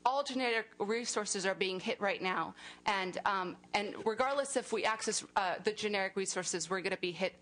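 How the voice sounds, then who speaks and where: Brief: provider representative at a public hearing, mid-pitched woman, firm and steady prepared remarks. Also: normal speed, a little hiss or hum. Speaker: service provider speaking at a hearing.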